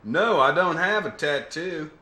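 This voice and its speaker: A man's voice: on the high side, expressive, unhurried, pushed and bright. An Australian actor playing a man who puts on an American Southern accent in a live-action video game scene, with a drawling, folksy and polite manner. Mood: sheepish. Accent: put-on American Southern. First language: Australian English. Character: man playing a Southern good ol' boy. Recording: roomy echo.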